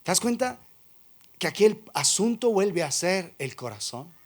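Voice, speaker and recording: A man's voice: high-pitched, sing-song, unhurried. A man preaching a sermon as pastor, firing rhetorical questions and acting out imagined excuses. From Colombia.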